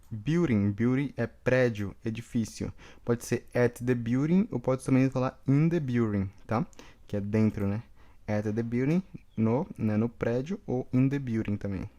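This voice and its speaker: A Brazilian man with a Brazilian Portuguese accent leads an English vocabulary lesson, saying each word twice and often asking "tá?". He talks at an unhurried, slow pace with a warm, dark tone. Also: mid-range voice. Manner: repeats each word, checks in with "tá?". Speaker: English teacher.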